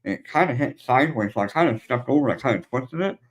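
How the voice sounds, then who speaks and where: A man's voice: mid-range voice, lively intonation, fast, low-quality recording. A middle-aged man hosting a podcast, chatting casually and drawing lessons from shared stories. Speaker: podcast host. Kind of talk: casual interview conversation.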